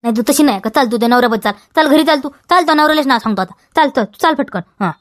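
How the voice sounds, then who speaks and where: Speaking very fast in a high, animated voice, a woman with a Vidarbha Marathi accent plays a scolding farmer man protecting his field in a comedy sketch. The studio recording has no room sound. Insistent, she nags, repeats her demands, and adds "हा?" to each line.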